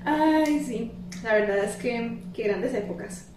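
A high-voiced young Costa Rican woman chats casually as a podcast co-host, slangy and quick to chime in. She sounds distant in a very reverberant room, with slight noise behind her. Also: darkish tone. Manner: slangy, interjecting. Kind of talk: casual chat. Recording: very echoey room, distant mic, background noise.

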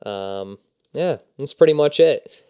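Man in his thirties, podcast co-host, smooth clear voice, dry close sound, upbeat. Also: mid-range voice, lively intonation, slow pace, dark tone, no room sound. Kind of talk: casual chat.

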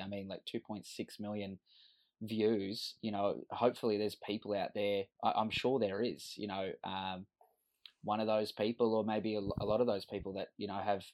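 A man in his thirties from Western Sydney, Australia, with an Australian accent, is a podcast guest candidly telling his life story in an earnest, reflective way. His voice is on the low side with a darkish tone, and the audio is poor.

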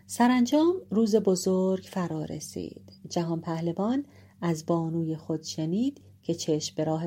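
A woman narrating an epic tale in a measured, dramatic storytelling manner. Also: lowish voice, mellow. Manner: measured, dramatic, shifting pace for suspense.

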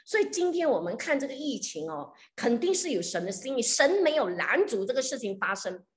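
A woman's voice: on the high side, big pitch swings, fairly quick. A woman pastor preaching and telling a story in a conversational way, with many fillers and some English phrases mixed in. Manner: frequent hesitation fillers. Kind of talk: sermon with storytelling.

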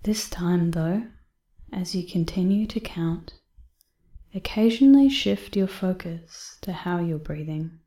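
A woman reading a guided breathing exercise in a soft, calm voice that often drops to a half-whisper. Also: fairly low pitch, slow, echoey room. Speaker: meditation guide.

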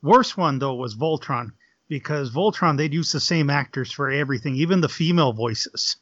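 A man's voice: a little high, lively intonation, moderate pace, fairly bright tone, no room sound. A man chatting casually on a podcast, laughing often and full of fillers. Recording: dull lo-fi dry sound.

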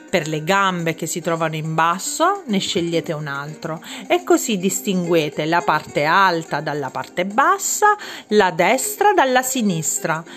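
A woman reading a picture book aloud to children, slow and expressive, stretching her words. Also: on the low side. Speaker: storyteller for children.

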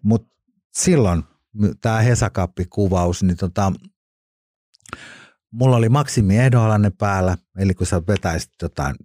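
Middle-aged male interview guest: very deep, husky voice, blunt and colloquial, swears freely, dry close sound. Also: long pauses, dark tone, dry recording. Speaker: guest, former criminal and author. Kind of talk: casual interview storytelling.

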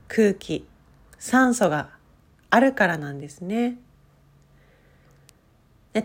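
A woman leads a guided breathing meditation as a relaxation coach. Her voice sits slightly high and moves very slowly. She gives gentle, soothing instructions, stretching out her phrases.

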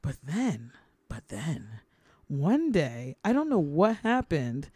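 Young woman telling animated stories. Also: low-pitched, slow, husky, no room sound. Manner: animated storytelling, acts out quotes, laughs. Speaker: podcast co-host. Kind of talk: casual chat.

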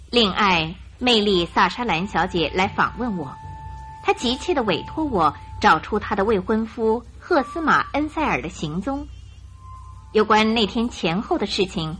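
A woman with a medium-pitched voice narrates a scripted detective story for a radio drama, using an expressive storytelling style.

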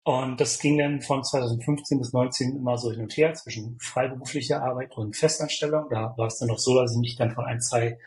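A man's voice: medium pitch, fairly even intonation, fairly quick, hardly any pauses, a little mellow, a little hiss or hum, rough recording. A man from Berlin, a guest on a podcast, answering questions hesitantly with many fillers and restarts. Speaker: podcast guest, software developer. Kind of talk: interview answers.

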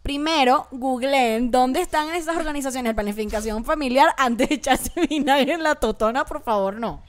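A woman co-hosting a casual chat, telling candid stories in an animated way. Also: high-pitched, normal speed. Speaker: podcast co-host.

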